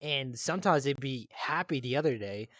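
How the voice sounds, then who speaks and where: A man's voice: medium pitch, expressive, moderate pace, fairly bright tone, no room sound, highs cut off. Casual young man hosting a chat. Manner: rambling, filler-heavy, asks questions. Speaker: podcast host.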